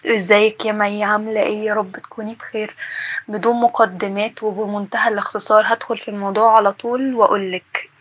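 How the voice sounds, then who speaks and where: A woman with an Egyptian Arabic accent leaves a casual voice message. Her mid-pitched voice is bright and forward. She puts her question with small hesitations. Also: dull audio. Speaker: listener leaving a voice message.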